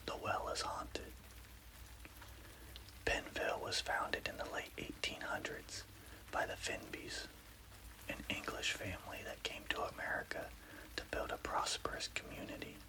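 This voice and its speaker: A man narrating a scary story as ASMR in an unvoiced, breathy whisper, with careful scripted delivery. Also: unhurried, pauses often, poor audio.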